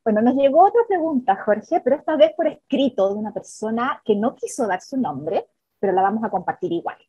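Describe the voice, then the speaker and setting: A woman from Chile hosts the conversation, friendly as she sums up points and introduces questions. Her voice is mellow and breathy, and it is recorded dry and close. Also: fairly high pitch, lively intonation, a little fast, no echo, muffled recording. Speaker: host. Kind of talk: interview hosting.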